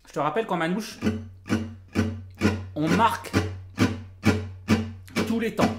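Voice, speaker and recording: A man's voice: sits high, slow, reverberant. A man giving a casual guitar tutorial to camera, joking and self-deprecating, his mouth numb from dental anaesthetic. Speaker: jazz guitar coach and video teacher.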